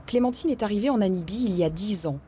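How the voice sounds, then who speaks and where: A woman narrating a documentary report in a scripted, even and measured way. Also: medium pitch. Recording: crowd and noise in the background.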